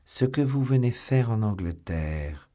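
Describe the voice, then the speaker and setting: A man's voice: on the low side, expressive, mellow, voice pushed up. A man voicing a sly, mocking English baron. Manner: sardonic, measured. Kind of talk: audiobook character voice.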